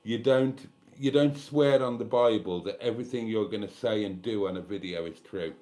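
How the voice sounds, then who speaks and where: A man's voice: fairly low pitch, moderate pace, warm tone. A man in his fifties hosting a live stream, chatting casually and reading comments in a blunt, candid, sweary way with rambling asides. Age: 50s. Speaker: livestream host.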